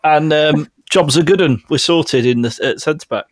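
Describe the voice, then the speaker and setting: A man's voice: fairly high pitch, normal speed. A man on a football podcast joking and giving blunt opinions, laughing often. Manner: jokey, blunt, laughs a lot. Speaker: podcast co-host. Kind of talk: casual football podcast banter.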